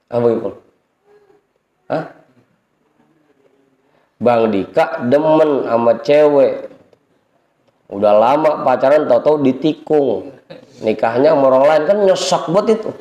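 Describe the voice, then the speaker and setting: Betawi-accented man as a teacher in an echoey prayer hall, relaxed and playful with the congregation. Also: mid-range voice. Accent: Betawi Indonesian. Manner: joking, chatty with the congregation, reads Arabic slowly. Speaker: ustaz teaching a kitab study circle. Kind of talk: informal religious lesson.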